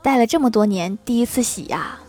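A woman with a fairly high voice hosts a comedy audio show. She reads her scripted jokes in a playful, teasing manner and lands each punchline quickly. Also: animated, background noise. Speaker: host of a comedy sketch podcast.

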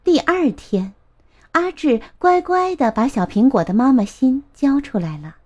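A woman narrating a children's storybook in a gentle, expressive way. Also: high voice, unhurried.

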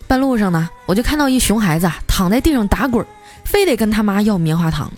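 A woman host telling scripted comic stories in a playful, lively way. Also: medium pitch, quick pace, soft background music. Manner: lively, playful, often laughing through punchlines. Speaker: radio comedy host.

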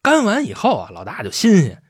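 Male host, animated comic storyteller, big pitch swings. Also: fairly quick, slightly rough. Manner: animated, slangy, laughing often. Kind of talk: comic retelling of a classic novel.

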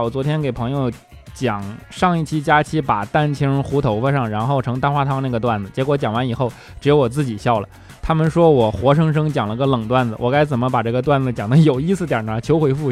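A male show host reading listener comments aloud and teasing them with jokes, laughing often in a playful manner. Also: mid-range voice. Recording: music bed under the voice.

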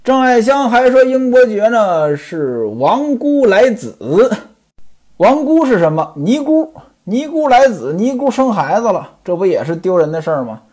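Talking through an old novel, this explainer sounds conversational and sing-song, unhurried, with a husky, slightly mellow voice pitched a bit high and ranging widely. He poses questions only to answer them himself, and he digresses into stories from his own life.

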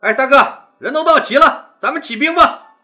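Eager young village men , voiced by a male storyteller, wheedle and plead in a high, bright, lively voice. Their pitch leaps around with excitement. They sound keen and a little cheeky. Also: moderate pace, exaggerated voice.

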